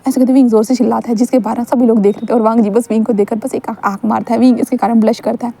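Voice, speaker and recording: Fast-talking woman narrating a story. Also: fairly high pitch, steady tone, creaky, warm tone. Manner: chatty, addresses listeners directly. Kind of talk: casual fan-fiction narration.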